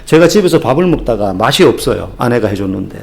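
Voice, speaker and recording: A man's voice: medium pitch, big pitch swings, fast talker, gravelly, darkish tone. A man from the Gyeongsang region of Korea, a pastor giving a sermon, telling stories with acted asides and humor.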